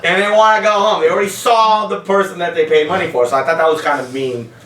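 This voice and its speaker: A man's voice: fairly high pitch, steady tone, fast talker, fairly bright tone. A man, a stand-up comic, telling rambling, profane stories on a casual podcast and often breaking into laughs. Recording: roomy sound from a distance.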